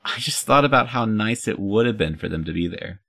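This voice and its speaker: A man's voice: lowish voice, lively intonation, fairly quick, gravelly, fairly bright tone, voice pushed up, heavily acted. A man reading the lines of a confident superhero woman with a dry, teasing manner.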